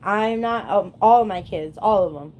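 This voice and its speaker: A woman's voice: mid-range voice, normal speed, darkish tone, a little hiss or hum, poor audio. A woman in her thirties ranting bluntly and sarcastically to her livestream viewers in casual chat. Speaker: livestream host.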